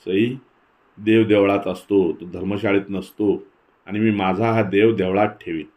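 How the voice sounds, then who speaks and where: A man voicing a grave, steady young wrestler hero who speaks calmly and seriously. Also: fairly low pitch, measured pace, muffled recording, natural voice. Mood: grave tender. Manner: grave and calm.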